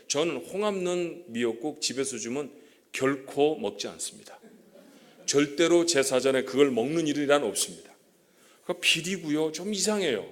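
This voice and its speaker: A man's voice: medium pitch, fairly bright tone. A male pastor preaching a sermon in a church, chatting with the congregation and checking in with them often; he says he stutters. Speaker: guest pastor. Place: church sanctuary.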